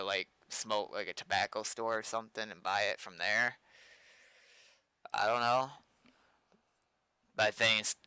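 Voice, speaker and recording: A game developer with an American accent live-streams as he works, chatting in a loose, hesitant, rambling way. His voice sits on the low side with a sharp yet smooth tone, recorded with no echo.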